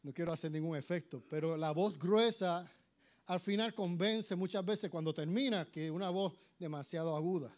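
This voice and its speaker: A man preaching a sermon, his voice slightly hoarse, animated and acting out voices. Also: high voice, normal speed. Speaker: pastor.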